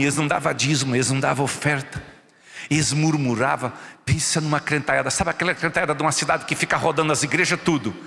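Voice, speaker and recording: Preaching a sermon in church, a pastor with a Brazilian Portuguese accent tells animated stories and acts out the voices of the people in them. His voice is fairly high and creaky, with a big-room sound.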